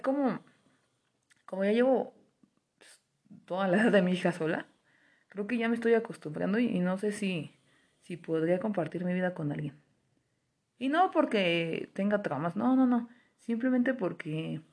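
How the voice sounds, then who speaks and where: Chatty single mom, lowish voice. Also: female voice. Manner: candid, chatty, acts out quoted voices. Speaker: single mother sharing parenting experiences. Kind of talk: casual personal monologue.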